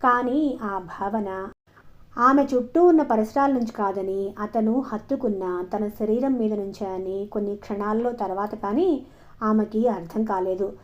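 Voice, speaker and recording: A woman storyteller reading a novel aloud in an expressive, dramatic way, in a dull lo-fi recording. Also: medium pitch, unhurried. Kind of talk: audiobook narration. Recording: dull lo-fi audio.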